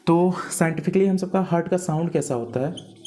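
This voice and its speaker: A man delivers a classroom biology lecture in a slightly higher-than-average male voice. He drills his students with rhetorical questions and repeats each key term. He spells words out letter by letter and calls them "beta". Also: a little fast, dark tone. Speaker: teacher.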